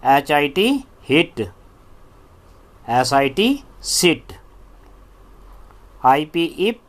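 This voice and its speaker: A man's voice: fairly high pitch, drawn-out words. A male teacher leading a phonics drill, spelling out each word letter by letter and then saying it.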